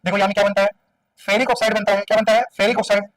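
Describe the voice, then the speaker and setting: A male chemistry teacher lectures at a very fast clip, constantly quizzing his class and repeating the answers back. His voice sits high for a man. The recording is dry and picks him up from a little way off. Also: little pitch movement, fairly bright tone, dry recording, distant mic, low-quality recording. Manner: quizzing students with call-and-response questions. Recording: dry room sound, voice away from the mic.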